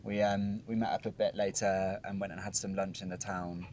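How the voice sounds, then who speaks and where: This young British travel vlogger has a low, darkish voice and a level tone at normal speed, with a little hiss or hum in the recording. He rambles through a casual trip recap from an outdoor hilltop viewpoint, often saying um and starting over.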